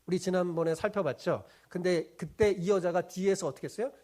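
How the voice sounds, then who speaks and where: A man's voice: sits high, a little fast, warm tone. A man preaching a sermon as pastor. He often asks the congregation questions, answers them himself, and keeps checking in with a tag question.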